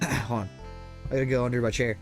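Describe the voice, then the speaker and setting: A man's voice: mid-range voice, fairly even intonation, fast talker, faint music behind. A man streaming a game live, commenting casually, joking and swearing.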